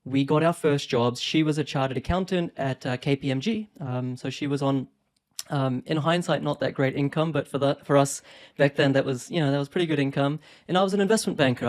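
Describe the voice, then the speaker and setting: Chatty man with an Aussie-Kiwi accent. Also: mid-range voice. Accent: New Zealand and Australian. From born in India, raised in New Zealand and Australia. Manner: chatty, upbeat, with small laughs and frequent ums. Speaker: property investment YouTuber. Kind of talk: casual talk to camera. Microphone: phone.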